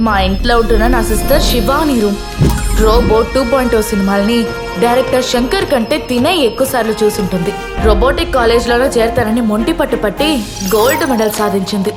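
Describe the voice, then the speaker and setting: A woman's voice: fairly high pitch, quick pace, loud music behind the voice, close to an everyday voice. An actress dubbing a chatty young woman who earnestly rambles through her family story in a film comedy. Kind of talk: dubbed film comedy dialogue. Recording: film dub over loud background score.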